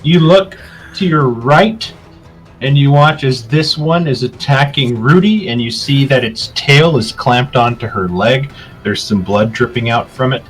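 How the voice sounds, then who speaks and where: A man narrating a tabletop game as game master, describing scenes in a relaxed way with filler ums. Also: mid-range voice, measured pace, faint music behind, poor audio.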